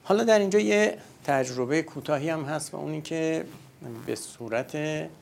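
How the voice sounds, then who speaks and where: A man's voice: a little high, vocal fry. A man giving a religious lecture in a conversational way, posing rhetorical questions and answering them himself.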